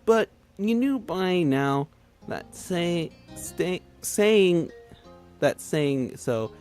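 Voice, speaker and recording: Giggly streamer with a lively voice. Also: male voice, sits high, drawn-out words, soft background music. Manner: giggly, chatty asides. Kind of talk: reading a story game aloud.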